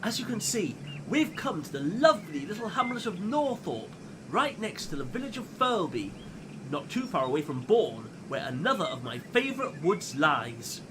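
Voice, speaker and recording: A man's voice: sits high, very animated, moderate pace. A man playing an earnest, kindly protector of the woodlands, telling a children's story in a theatrical manner. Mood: friendly, confiding. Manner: theatrical, earnest, addressing young audience as friends. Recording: noisy outdoor recording with nature ambience.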